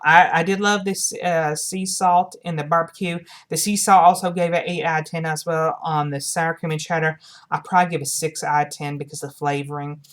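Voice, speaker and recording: Low-voiced woman giving a casual review. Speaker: product reviewer making videos for viewers. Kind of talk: casual product review to camera.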